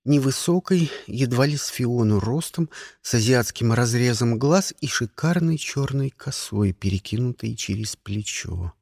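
Male audiobook narrator, first person, sardonic, animated delivery, dry close mic. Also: mid-range voice, a little slow, vocal fry, husky, dry recording. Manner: wry, sardonic storytelling.

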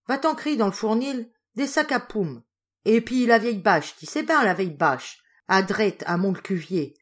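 A woman doing a rustic old farmer, loud and fretful. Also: fairly high pitch, pitched above the performer's own voice, heavily acted. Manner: rustic dialect speech, loud and fretting. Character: coarse old male peasant farmer, worried.

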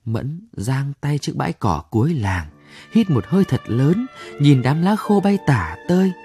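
A man reading a short story aloud in a soft, lingering, emotional late-night reading style. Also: mid-range voice, big pitch swings, unhurried. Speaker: story reader. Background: soft violin music.

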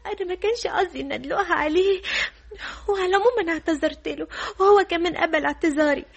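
A woman's voice: very high voice, rapid-fire, vocal fry. An actress playing an emotional young woman who pleads tearfully, in an Egyptian accent, in a radio drama. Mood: tearful pleading. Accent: Egyptian Arabic.

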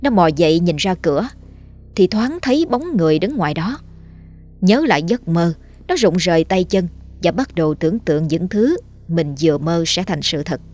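A woman narrating a ghost story in a steady, dramatic storytelling voice. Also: fairly low pitch, normal speed, faint music behind.

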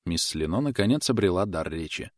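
A man narrating an audiobook with steady, even storytelling. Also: sits low, a little fast, no echo, studio quality. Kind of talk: audiobook reading.

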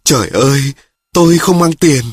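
A man's voice: fairly high pitch, moderate pace, husky, dry recording, studio quality, voice pushed up. A man voicing a panicky young mother. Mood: wailing. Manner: pleading, panicky.

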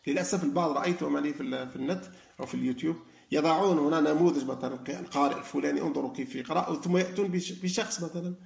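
A man's voice: a little high, racing, vocal fry, echoey room, slight background noise. A man giving a spoken religious lesson, explaining with frequent fillers and restarts. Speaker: lecturer on Quran reflection.

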